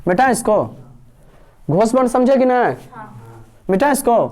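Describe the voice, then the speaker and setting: A man's voice: very high-pitched, lively intonation, unhurried, darkish tone. A male teacher, dictating a grammar lesson word by word and quizzing his students. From Bihar, India.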